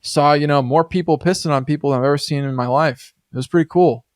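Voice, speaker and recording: A man's voice: fairly high pitch, quick pace, no echo, clean studio sound. A man co-hosting a podcast in casual chat, rambling with lots of fillers and restarts as he retells stories. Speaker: podcast co-host.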